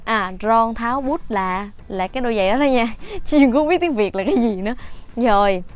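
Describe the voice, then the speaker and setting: A woman giving a casual vocabulary lesson, chatty and self-correcting, repeating each word slowly for learners. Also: on the high side, animated, clear, resonant tone, faint music behind. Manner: slow repetition of words for learners. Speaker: language teacher.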